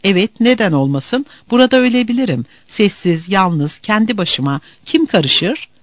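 A man's voice: high voice, animated, moderate pace, pitched above the performer's own voice. A man voicing a bitter, sullen young former student who answers in a defiant grumble.

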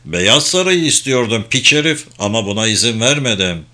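A man voicing an enraged old male villain who shouts with manic fury in an audiobook. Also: medium pitch, lively intonation, moderate pace. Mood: furious. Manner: shouting, spitting rage.

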